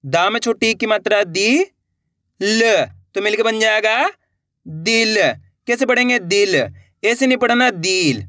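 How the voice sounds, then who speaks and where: A man's voice: sits high, steady tone, sharp tone, dry recording, studio quality. A man teaching a beginner reading lesson, sounding out syllables one by one and often checking that the learner follows. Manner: slow, drawn-out syllable drills with repeated checks for understanding.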